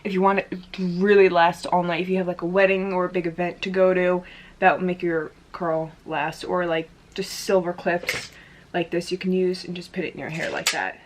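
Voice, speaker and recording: A woman's voice: lowish voice, level tone, normal speed, a little hiss or hum. A woman talking casually through a hair tutorial, chatty and full of "like" fillers. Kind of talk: casual step-by-step demonstration. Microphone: camera in front of her.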